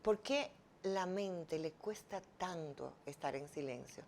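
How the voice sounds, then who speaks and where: A woman's voice: low-pitched, expressive, takes it slowly, creaky, a little mellow. A woman hosts an interview, asking reflective, probing questions in a conversational way. A faint hiss sits behind her voice. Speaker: interview host.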